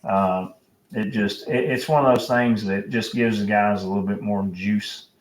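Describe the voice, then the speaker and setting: A man's voice: lowish voice, steady tone, moderate pace. Rambling man in an echoey room. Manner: rambling, filler-heavy storytelling. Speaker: podcast host. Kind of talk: casual sports chat. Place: home room at night. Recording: roomy echo, distant mic, faint noise.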